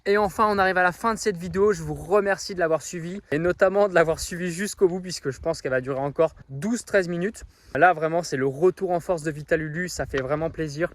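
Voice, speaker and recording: A man's voice: fairly high pitch, fast. A man casually explaining things to camera in a vlog, upbeat and full of small fillers. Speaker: fitness vlogger.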